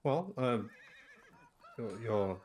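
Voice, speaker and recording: A man chatting casually in character in a tabletop game, halting and awkwardly polite. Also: mid-range voice, very animated, darkish tone.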